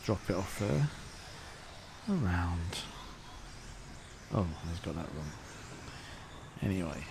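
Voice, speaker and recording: A man with a lowish voice talks informally while filming a remote control car race outdoors. His camera mic picks up the noise of the cars and the track around him, so the sound is rough and busy. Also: sing-song, slow. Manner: chatty, informal, thinking aloud while filming. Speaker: RC channel host at a race track. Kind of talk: casual vlog commentary. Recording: noisy outdoor camera audio. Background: RC cars and track ambience.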